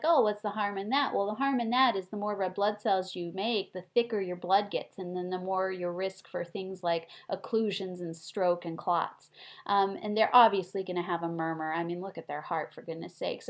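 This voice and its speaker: Woman nursing lecturer, casual animated teaching style with rhetorical questions. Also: medium pitch. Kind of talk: recorded classroom lecture.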